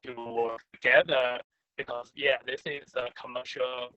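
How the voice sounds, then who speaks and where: A man answering a conference question over a video call, talking haltingly with many fillers while his connection breaks up and drops out. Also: medium pitch, little pitch movement, sharp tone, no echo, lo-fi sound. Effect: breaking-up, dropping video call audio. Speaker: researcher presenting his work. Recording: choppy distant video call line.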